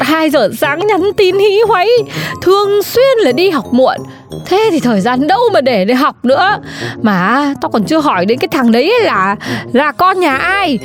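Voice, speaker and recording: Woman doing a nagging middle-aged mom, high, swoops up and down, faint music. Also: sing-song, moderate pace. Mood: exasperated. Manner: nagging, exasperated scolding. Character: scolding middle-aged mother, nosy shopkeeper. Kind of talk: comedy sketch acting.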